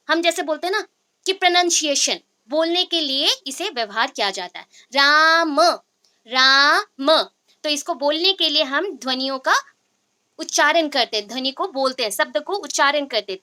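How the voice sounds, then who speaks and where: Bright high-voiced woman teaching a lesson. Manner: explains step by step, quizzes students with repeated questions. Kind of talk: classroom lecture.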